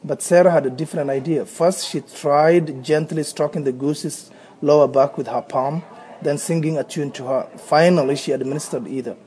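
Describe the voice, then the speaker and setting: Recorded in low quality for an accent archive, a Somali-accented man in his thirties reads a brief passage and then speaks freely, frequently stalling and repeating himself. His dark-toned voice is on the high side, with a steady delivery at a moderate pace.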